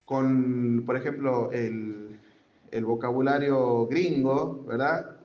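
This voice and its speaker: A man's voice: medium pitch, fairly even intonation, slow pace. A man teaching a Sunday school grammar class, explaining step by step with examples and often checking that students follow. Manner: keeps checking understanding with tag questions. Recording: roomy, dull lo-fi with faint room noise.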